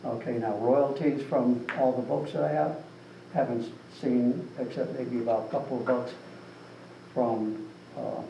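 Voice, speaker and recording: An author talks casually at a meeting, rambling and leaning heavily on fillers, especially "you know". His medium-pitched voice is warm with vocal fry, fairly even intonation, and a measured pace. The lo-fi recording comes from a distant mic in an echoey, somewhat noisy room.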